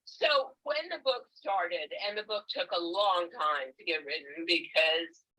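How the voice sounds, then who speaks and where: Bright-voiced older woman telling her story. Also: lowish voice, a little slow, low-quality recording. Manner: candid, emphatic and animated storyteller. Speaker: author and guest. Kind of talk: conversational interview. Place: home, virtual meeting. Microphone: video call.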